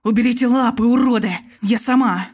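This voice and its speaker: A man's voice: extremely high pitch, fairly quick, voice pushed up. Man putting on a shrieking furious young woman. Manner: screaming insults.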